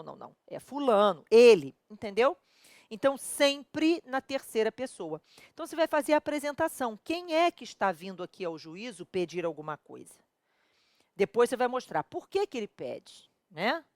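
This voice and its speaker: A middle-aged Brazilian woman with a Brazilian Portuguese accent teaching law in an animated, lively lecture, talking straight to her students and firing off rhetorical questions. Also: mid-range voice, no echo.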